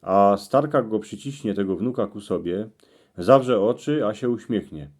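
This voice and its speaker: A man speaks in a low register with a soft, dark, relaxed tone. His Cieszyn Silesian accent is clear as he delivers a folksy monologue in regional dialect. The delivery is measured and reflective, like a storyteller presenting to an online audience. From Cieszyn Silesia, Poland. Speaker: YouTube channel presenter.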